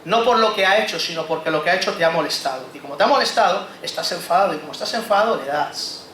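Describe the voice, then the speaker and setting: A pastor preaching a conversational sermon, acting out inner monologues and asking the congregation rhetorical questions. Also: male voice, high-pitched, animated, fast, a bit bright, slight background noise. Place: church hall. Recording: echoey church hall, faint ambience.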